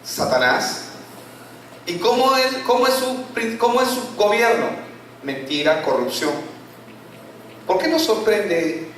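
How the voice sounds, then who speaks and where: A male pastor preaching a sermon, full of rhetorical questions and falling low on key words. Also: big pitch swings, slow pace, long pauses, fairly bright tone, a little hiss or hum. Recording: echoey church hall from far off.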